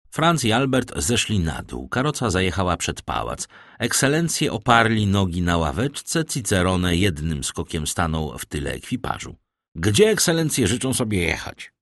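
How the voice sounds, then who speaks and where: Man reading an old novel aloud, lowish voice, lots of melody, dry close mic. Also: a bit bright, dry recording. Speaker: audiobook narrator. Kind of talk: scripted narration of a classic novel.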